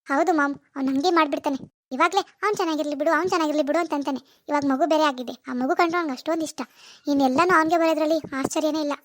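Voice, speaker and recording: A jealous, whiny young cartoon wife voiced by a woman. Her high voice rushes through bitter complaints. The recording is close and dry. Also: dry recording, lightly acted. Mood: complaining. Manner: whiny, sulky and scheming. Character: spiteful, jealous young wife, elder daughter-in-law. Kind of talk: cartoon voice acting.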